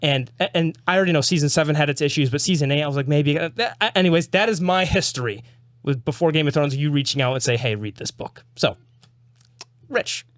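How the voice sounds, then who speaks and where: A young man hosting a casual chat, telling a story in an animated way with quick restarts. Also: fairly high pitch, no echo, studio quality. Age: young adult. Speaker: host.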